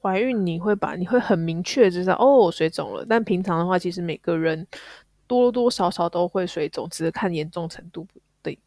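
A woman co-hosting a casual chat, teasing the others with quick quips. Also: fairly low pitch, a little mellow, no echo, studio quality. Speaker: podcast co-host.

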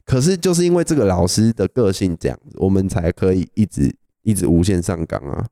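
Fast-talking young Taiwanese man, low mellow voice. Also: no room sound, studio quality. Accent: Taiwanese Mandarin. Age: young adult. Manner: animated storyteller, laughs often. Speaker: podcast co-host. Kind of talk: casual storytelling chat.

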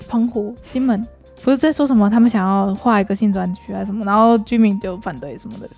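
A woman's voice: medium pitch, lively intonation, quick pace, creaky, a little mellow, faint music behind. A woman, co-hosting a casual podcast chat about Japanese words, laughing often and repeating herself while she thinks. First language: Mandarin. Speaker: podcast co-host.

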